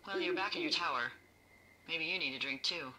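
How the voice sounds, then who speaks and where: An actress playing a wry, playful, tipsy fire lookout talking over a walkie-talkie in a naturalistic video game. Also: female voice, sits low, a little fast, sharp tone, a little hiss or hum, poor audio. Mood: worried.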